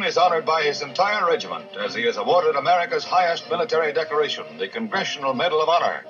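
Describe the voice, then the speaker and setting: A man narrating an old newsreel in a formal announcing manner, with a dull archive soundtrack. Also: on the high side.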